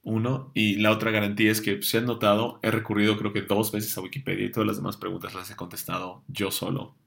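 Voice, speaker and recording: A man's voice: fairly low pitch, level tone, fast, creaky, fairly bright tone. A young man hosting a casual comics show, chatty with many fillers and restarts, answering viewer questions.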